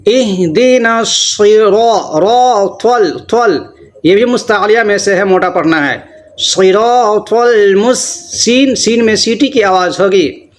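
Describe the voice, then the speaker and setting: A man teaching tajweed in Urdu, switching between quick, stern explanations of common mistakes and slow, drawn-out chanted recitation. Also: sits high, expressive. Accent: Pakistani Urdu.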